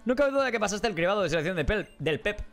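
A man's voice: high voice, big pitch swings, faint music behind, pitched above the performer's own voice. Man playing a chatty game professor. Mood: friendly. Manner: brisk, chatty reading of game dialogue. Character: friendly older male Pokémon professor, talkative.

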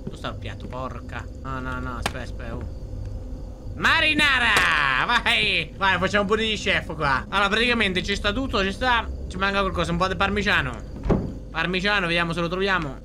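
A young man plays a horror game on stream, his voice pitched high and leaping up in excitement. He swears freely and thinks out loud as he goes. A steady hiss of noise sits under the recording. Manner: excitable, swears a lot, talks to himself. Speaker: gaming streamer. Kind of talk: horror game let's play commentary.

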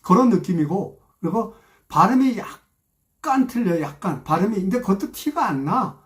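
A man's voice: high-pitched, expressive, moderate pace. A man from South Korea, hosting his channel in a casual, rambling talk, often repeating himself and trailing off. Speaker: channel host.

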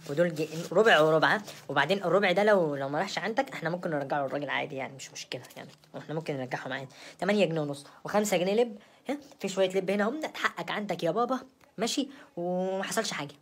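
A woman's voice: on the low side, racing, breathy edge. A young woman with an Egyptian accent playing a brazen, spoiled young wife in a comedy sketch, rambling and stammering in a sassy way. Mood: placating. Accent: Egyptian Arabic.

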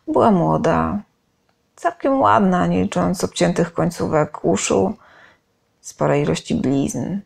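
Woman reading a fantasy fan story out loud, pretty expressive, gravelly voice. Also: fairly low pitch. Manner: expressive storytelling, acting out the characters. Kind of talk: audiobook narration of a fan story.

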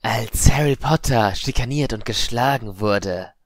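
A man voicing an eerie unseen voice that whispers and hisses its threats slowly and coldly. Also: mid-range voice, dry recording, pitched above the performer's own voice, close to an everyday voice. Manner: slow, hissing, quietly threatening.

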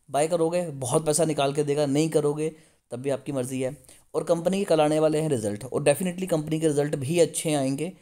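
A man's voice: a little high, warm tone. A man hosting a casual stock analysis video, reading numbers off charts and urging viewers to buy. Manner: pushy, urges viewers to buy; reads figures off a chart. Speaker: stock market video host.

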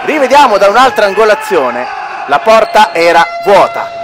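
A man giving excitable futsal play-by-play commentary, breaking into shouted goal calls as a match commentator. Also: high-pitched, moderate pace. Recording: music and crowd noise behind. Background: music, sports hall crowd.

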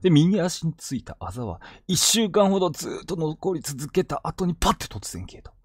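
A man retelling collected true ghost stories in a hushed, suspenseful storytelling manner with sudden vivid turns. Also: a little high, big pitch swings, normal speed, breathy edge, dry recording, clean studio sound.

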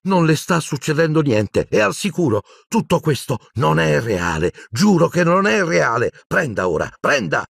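A man's voice: on the high side, sing-song, extremely slow, husky, no echo, clean studio sound, pitched above the performer's own voice, full character voice. A man voicing a desperate teenage boy wizard in an audiobook, with an urgent, strained, imploring delivery. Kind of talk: audiobook character voice.

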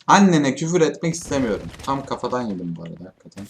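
A young man commenting on a shooter as he plays it, in a voice of middling pitch for a man. He swears often and yells at his teammates when things go wrong. He keeps up a loose, chatty stream of commentary between rounds. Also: sing-song, very fast, vocal fry. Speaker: gaming YouTuber. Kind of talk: casual gameplay commentary.

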